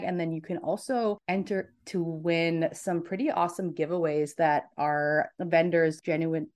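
A woman's voice: deep voice, darkish tone. A woman in her thirties, a sleep consultant, chatting casually as a podcast guest and often restarting her sentences. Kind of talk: casual interview chat.

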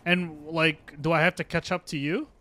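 A young man livestreaming a game chats casually as he plays. His voice sits a little on the high side. He jokes and reacts loosely to what happens on screen. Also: level tone, moderate pace, bright, forceful tone. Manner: joking, chatty reactions to the game. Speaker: livestream gamer.

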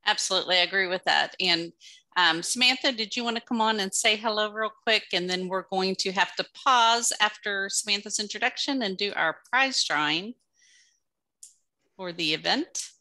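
A woman's voice: mid-range voice, normal speed, pushed and bright. A middle-aged woman hosting and presenting an online event, speaking on a headset in a video call. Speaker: event host.

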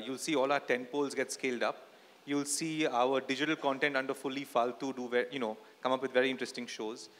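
A man's voice: mid-range voice, fairly bright tone. A man in his forties with an Indian accent, answering at a press conference in English mixed with Hindi phrases. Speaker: TV channel executive on a press panel. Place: indoor stage at a press event. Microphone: handheld microphone. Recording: echoey hall over PA.

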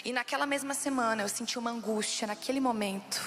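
A woman's voice: fairly high pitch, fast talker, fairly bright tone. A Brazilian woman giving an emotional sermon testimony, repeating phrases for emphasis. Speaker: preacher. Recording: long reverb with faint background music.

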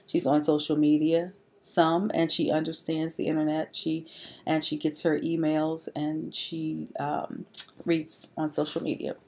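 Female presenter, low register, loose unscripted voice-over for a slide deck. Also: monotone, measured pace, gravelly, darkish tone. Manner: informal, with frequent fillers and restarts.

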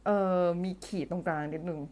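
A fairly quick, slightly mellow female voice belongs to a live-stream English grammar teacher who reads viewer comments aloud. Playful and talkative, she laughs often and hums while thinking out loud, captured on a phone or desk mic used for streaming.

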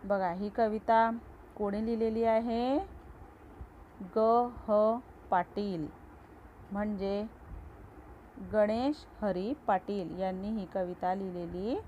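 A woman's voice: mid-range voice, steady tone. A woman teacher explaining a children's poem, asking the class questions and answering them herself. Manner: slow, patient, asks questions then answers them. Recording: slightly dull lo-fi recording with faint noise.

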